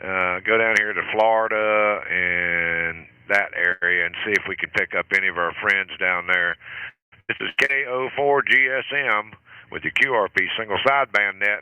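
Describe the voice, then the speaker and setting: A man's voice: fairly low pitch, moderate pace, pushed and bright, smooth, dry recording, rough recording. A man hosting a ham radio net, chatting casually and calling out call signs with an easy chuckle. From southern United States. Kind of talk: casual on-air radio chat. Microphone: station microphone.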